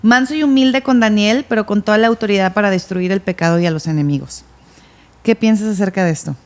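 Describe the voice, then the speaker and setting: A woman's voice: mid-range voice, fast. A woman co-hosting a casual Bible discussion podcast, who talks earnestly, reads from her notes and repeats words as she starts a thought. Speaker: podcast co-host.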